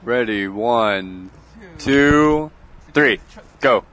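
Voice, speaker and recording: A man's voice: medium pitch, expressive, very slow, fairly bright tone. A man co-hosting a casual backyard podcast, explaining, cheering on and laughing with friends. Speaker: podcast co-host. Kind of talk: casual chat. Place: outdoors in a backyard.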